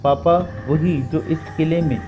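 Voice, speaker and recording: A man's voice: a little high, level tone, dull audio, close to an everyday voice. A man voicing a frightened young daughter, pleading in fear. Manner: fearful, pleading. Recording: music bed under voice.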